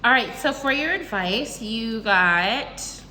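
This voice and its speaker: A woman doing a casual tarot reading in a bubbly, excitable, chatty way. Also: on the high side, slow pace, slight background noise. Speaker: tarot reader. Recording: reverberant room with faint ambience.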